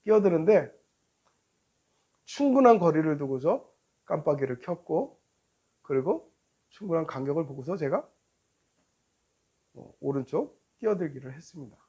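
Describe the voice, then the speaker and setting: A male pastor giving a sermon, telling a road-rage story in an animated way and acting out both drivers. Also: a little high, normal speed, pauses often, slightly rough.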